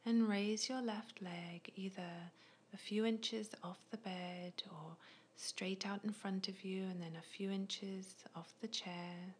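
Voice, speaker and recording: Woman whispering slow relaxation cues. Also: mid-range voice, steady tone. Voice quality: soft unvoiced whisper. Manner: slow, gentle, soothing instructions. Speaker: relaxation guide. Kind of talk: ASMR guided muscle relaxation.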